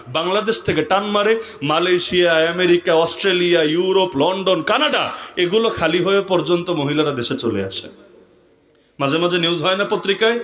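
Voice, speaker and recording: Echoey preaching man, high voice. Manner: animated, rising to shouts, rhetorical questions to the crowd. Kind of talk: sermon. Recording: echoey hall.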